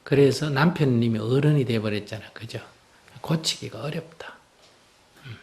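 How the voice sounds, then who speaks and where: Male Buddhist monk, mid-pitched, conversational teaching with rhetorical asides. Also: moderate pace, darkish tone. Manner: plain-spoken, rhetorical questions, folksy examples. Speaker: Buddhist monk answering questions. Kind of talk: conversational dharma Q&A.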